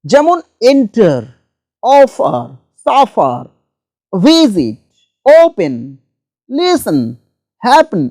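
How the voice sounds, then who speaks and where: An English grammar teacher with a high, warm voice and large pitch swings gives a slow, methodical grammar lesson, explaining rules one step at a time and spelling each example word letter by letter. She is recorded close to the mic in a dry room without any echo.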